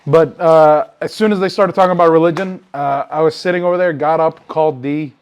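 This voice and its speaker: A man's voice: on the high side, fairly quick, clear, resonant tone. Rambling, cursing podcast co-host man. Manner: swears a lot, rambling and loose; animated when telling stories. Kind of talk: casual chat.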